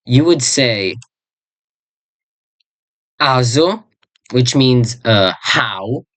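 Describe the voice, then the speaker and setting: In an echo-free recording, someone rambles through an informal lesson on an invented language, searching for words, self-correcting, and repeating terms at a slow pace. The voice is mid-range, expressive, and fairly bright in tone.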